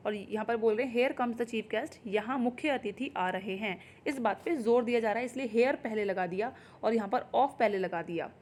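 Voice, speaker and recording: A woman's voice: a little high, darkish tone. Hindi-speaking woman teaching grammar. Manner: explains in Hindi, reads English examples slowly. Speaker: English teacher. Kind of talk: exam-prep grammar lesson.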